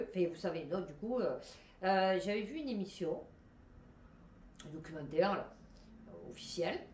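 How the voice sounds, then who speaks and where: A woman's voice: mid-range voice, a little mellow, reverberant, distant mic, slight background noise. A woman with a Marseille accent reads science headlines and chats about them casually, with many fillers and restarts. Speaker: host reading science news. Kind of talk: casual commentary on news articles.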